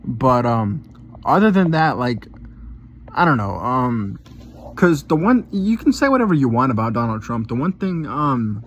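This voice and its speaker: A man's voice: mid-range voice, sing-song, measured pace, highs cut off, a little hiss or hum. A man giving a casual reaction commentary, rambling and repeating himself, often ending phrases with "man" and swearing. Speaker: gaming channel commentator.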